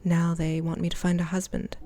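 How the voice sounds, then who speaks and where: A woman reads game letters aloud on a live stream. Her voice sits low and has a dark, mellow color, and she often drops into a hushed whisper as she reads. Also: level tone, fairly quick, soft background music. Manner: often drops into a soft whisper while reading.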